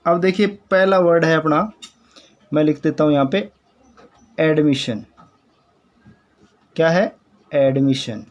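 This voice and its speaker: A man teaching English pronunciation in Hindi, patiently spelling out words and repeating them slowly while speaking to viewers as friends. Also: fairly high pitch. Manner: addresses viewers as friends, explanatory.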